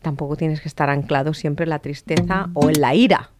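Reflective middle-aged woman, lowish voice. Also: steady tone, a little fast, background noise. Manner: reflective, many fillers and restarts. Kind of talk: casual conversation about emotions.

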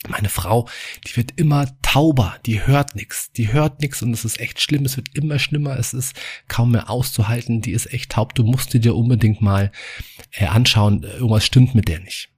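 Male performer as agitated husband, keeps repeating himself, raised pitch. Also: moderate pace, a little mellow, husky, close to an everyday voice. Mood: frantic complaining. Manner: agitated, insistent, repetitive. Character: frantic stubborn husband, half-deaf.

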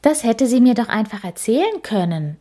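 A woman's voice: on the high side, sing-song, normal speed, dark tone, voice pushed up. A woman voicing a helpful, down-to-earth young woman who asks eager, surprised questions in a storybook reading.

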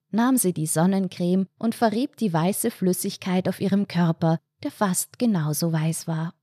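A woman, reading a humorous short story aloud in a calm, wry narration. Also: fairly low pitch, no echo, clean studio sound.

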